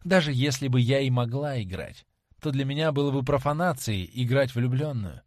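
A man voicing a young woman stage actress, lovesick and imploring, tender and dreamy, slowing on heartfelt words in an audiobook reading. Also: medium pitch, lively intonation, a little mellow, no room sound, clean studio sound, natural voice. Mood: rapturous, dreamy.

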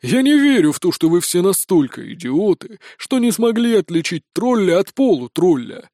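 A man's voice: high-pitched, very animated, normal speed, mellow, dry recording, clean studio sound. A man voicing a big, cold sheriff who barks threats. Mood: scornful. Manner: barking, threatening. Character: cold gruff male sheriff, big and menacing.

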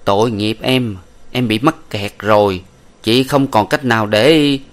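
A man voicing a shrewd, smooth-talking brothel madam in an audiobook, coaxing and sweet. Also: on the low side, unhurried, lightly acted. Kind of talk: audiobook character voice.

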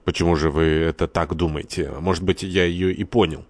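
Brief: male reader doing a blunt doubting army major, deep and dry. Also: fairly even intonation, fairly quick, dry recording, close to an everyday voice. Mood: puzzled. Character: gruff skeptical army major, middle-aged man.

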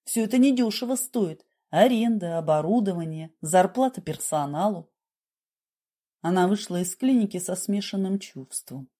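Brief: female audiobook narrator, husky and warm, steady delivery. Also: medium pitch, moderate pace. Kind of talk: scripted narration.

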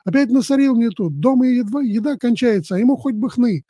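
A man's voice: lively intonation, brisk, warm tone, slightly rough, no room sound, highs cut off. A man putting on a fretful, jealous village wife. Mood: scolding. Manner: shrill scolding, tearful pleading.

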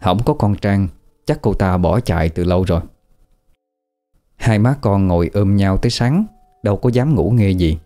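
Dark-voiced man telling a ghost story. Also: deep voice, lively intonation, moderate pace, long pauses. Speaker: narrator. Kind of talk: scripted ghost story narration.

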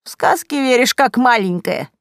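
A woman's voice: fairly high pitch, expressive, moderate pace, vocal fry, no echo, studio quality, voice pushed up. A woman voicing a blunt, scolding old witch who sighs at her sister. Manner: sighing, scolding.

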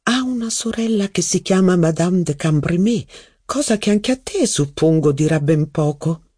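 An audiobook reader voicing an older, dignified aristocratic marchioness who speaks in a composed, measured, slightly dry way. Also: mid-range voice, expressive, mellow, slightly rough, no room sound. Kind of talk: audiobook reading.

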